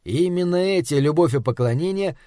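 A man narrating an audiobook in a measured, reflective storytelling manner. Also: on the high side, expressive, warm tone, dry recording, clean studio sound.

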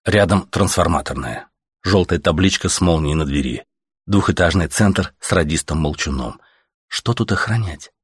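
A man's voice: low-pitched, moderate pace, husky, no room sound, studio quality. A man narrating an audiobook in terse, clipped sentences.

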